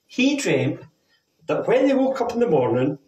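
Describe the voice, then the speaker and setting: A man's voice: sits high, sing-song, normal speed, mellow, lo-fi sound. A man in his fifties with a Scottish accent, talking to children as a kids party magician, coaxing and repeating himself. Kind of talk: kids' party magic show patter, addressed to children. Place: indoors, living room with stage backdrop. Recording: roomy echo, distant from microphone.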